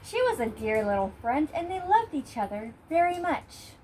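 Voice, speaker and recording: A woman's voice: high-pitched, a little mellow, low-quality recording. A woman host reading a scripted short story aloud. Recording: music behind the voice.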